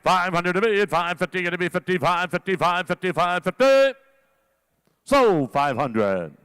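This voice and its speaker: Male auctioneer, high clear voice, fast bid-calling chant, repetitive rolling patter. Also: fairly bright tone. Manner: repetitive, rolling filler phrases between numbers.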